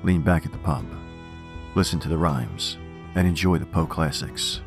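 A man with an extremely low-pitched voice and a gravelly fry, performing as a theatrical horror host. He reads scripted, macabre material, with music playing behind him. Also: moderate pace. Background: background music.

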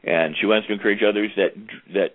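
This internet talk radio host speaks fast in a deep, low voice, keeping things chatty and easygoing as he promotes his show. The sound is thin and telephone-like, totally dry without any room echo.

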